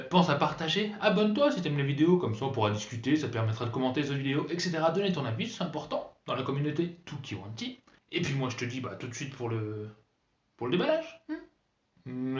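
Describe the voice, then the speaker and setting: A man's voice: a little high, slightly rough, dull audio. A man talking casually through an unboxing review of a cheap gadget, joking and filling gaps with hesitations. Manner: chatty and joking, with many fillers. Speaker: tech reviewer.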